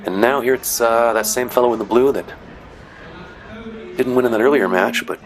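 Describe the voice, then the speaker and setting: A man with a mid-range voice talks at normal speed through video of games he refereed, and the recording is rough. His commentary is casual and meandering, full of "you know" and "uh" and dry little jokes.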